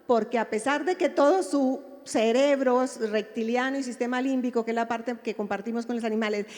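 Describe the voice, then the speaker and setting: A woman's voice: a little high, a little fast, darkish tone, big-room sound. A woman psychologist giving a public lecture on grief, speaking expressively and checking in with her audience through rhetorical questions.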